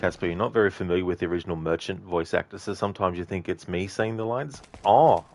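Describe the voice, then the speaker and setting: Male game streamer, low voice, casual viewer chat, faint background noise. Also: fast talker. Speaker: game livestreamer.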